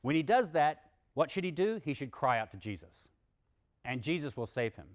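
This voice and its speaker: A man lecturing to students, animated, reading passages aloud with emphasis and adding wry asides. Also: a little high, moderate pace. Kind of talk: university lecture.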